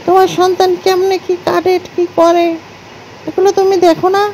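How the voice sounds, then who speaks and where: A very high-voiced woman tells off her dogs in a mock-stern way, piling up quick repeated threats before easing into gentle coaxing. She is outdoors, with faint traffic and engine hum behind her. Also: level tone, low-quality recording. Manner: scolds with rapid repeated threats, then coaxes softly. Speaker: pet owner scolding her dogs. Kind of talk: playful scolding of pets on camera.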